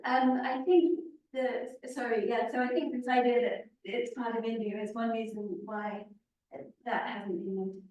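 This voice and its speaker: A woman on a conference panel answering a question in a measured academic way, with frequent ums. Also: on the high side, steady tone, darkish tone. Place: conference room. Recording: echoey room, far from the mic.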